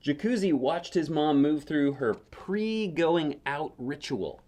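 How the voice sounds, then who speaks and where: Slow and a little mellow, a man with a higher-pitched voice and lively intonation reads a picture book aloud as a parent would. He stays conversational, offering casual asides and checking in with questions to the listener.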